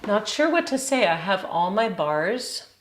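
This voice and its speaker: A woman who is a yoga teacher and cantor, teaching a class in a measured, reflective tone while her audio crackles and cuts in and out from a faulty mic connection. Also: mid-range voice, sing-song. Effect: audio cutting in and out, crackly faulty mic connection. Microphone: microphone on a live online stream. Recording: roomy echo, glitchy dropping mic.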